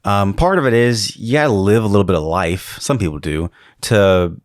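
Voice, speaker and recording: A man's voice: lowish voice, normal speed, no echo, studio quality. A man, a pastor, talking casually and reflectively in a conversation.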